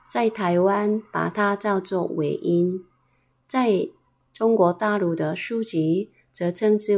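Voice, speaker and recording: A woman's voice: lowish voice, mellow. A woman teaching a pronunciation lesson, enunciating carefully and repeating each drilled syllable. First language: Korean. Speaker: Korean language teacher.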